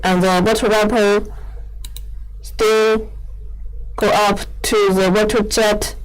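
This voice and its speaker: A woman giving an explanatory product demonstration in halting, non-fluent English, often repeating words as she goes. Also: mid-range voice, level tone, clean tone, rough recording. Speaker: equipment company presenter giving a machine demo.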